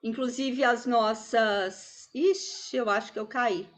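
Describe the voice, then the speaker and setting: A woman's voice: on the high side, takes it slowly. A yoga teacher speaking on a video call as the connection drops out, her voice breaking off and coming back faint. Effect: call dropping out, voice cutting off and returning faint. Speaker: kundalini yoga teacher and host. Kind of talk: casual conversation on a video call.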